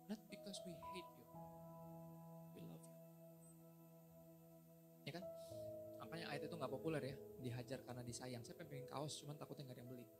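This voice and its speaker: A middle-aged male pastor giving a casual, joking sermon in a church, slipping in English phrases and getting loud and high when excited. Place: church hall.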